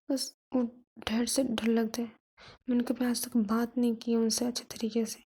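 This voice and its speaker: Lady doing a soft pleading young girlfriend, breathy whispered role-play, mellow. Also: fairly high pitch. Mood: fearful. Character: young woman student, tender pleading lover.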